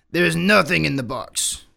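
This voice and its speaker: A man voicing a big, teasing bear in a children's story, speaking slowly and low in a teasing way. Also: creaky, pushed and bright, exaggerated voice. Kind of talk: children's English-lesson story.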